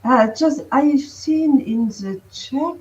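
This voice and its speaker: Casting: woman, high voice, very slow casual chat, slightly muffled lo-fi stream sound. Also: animated, darkish tone.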